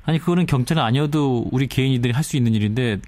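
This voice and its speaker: A man's voice: mid-range voice, very fast, darkish tone, no room sound. A man hosting a radio news show, introducing items and putting questions to guests in broadcast style. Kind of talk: broadcast interviewing. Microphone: close studio microphone.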